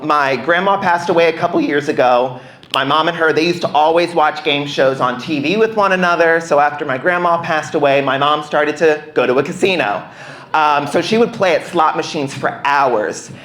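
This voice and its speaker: A young American stand-up comedian from the United States performs a playful, self-deprecating routine in a conversational way on a club stage. His voice is a little high with a fairly bright tone, and the live club sound is roomy.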